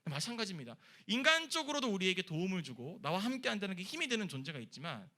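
A man's voice: high voice, quick pace. A middle-aged man preaching a sermon to teenagers as youth pastor, often asking the listeners questions. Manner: lively, addresses listeners with questions. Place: church worship hall.

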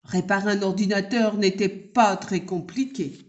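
A woman reading a children's story aloud in a gentle, unhurried way. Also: medium pitch, fairly even intonation, lo-fi sound.

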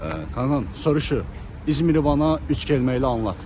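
A man with a medium-pitched voice hosts casual street interviews. He repeats answers back, with clear traffic noise around him outdoors. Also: fast talker. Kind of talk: casual vox-pop presenting.

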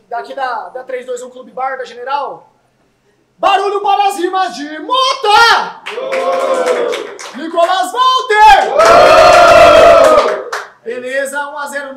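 An energetic man hosting a rap battle with slangy, casual announcing. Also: very high-pitched. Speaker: battle host. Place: indoor bar room, in front of camera. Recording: echoey room, slightly distant.

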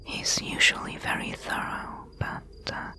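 A woman voicing a wry, bossy thief mentor in a breathy, hushed whispered role-play, giving instructions. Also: a little slow. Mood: hushed, businesslike.

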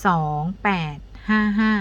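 A woman's voice: slow pace, fairly bright tone, dull audio. A woman teaching an abacus multiplication lesson, counting the digits aloud step by step and asking her pupils for each answer.

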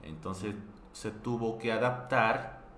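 A man's voice: lowish voice, a bit bright. A man from Korea, teaching a live online language class, patiently repeating words with frequent restarts and fillers. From South Korea. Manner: patient, repeats each word slowly several times. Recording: echoey room with faint background noise.

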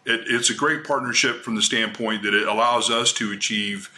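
A middle-aged man speaks from his home office over a webcam on a video call, his voice fairly low but strikingly bright. He talks in a measured, hesitant way, filling pauses with frequent "uh"s. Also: steady tone, a little hiss or hum. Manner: measured, hesitant with many fillers. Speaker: panelist from a cloud provider.

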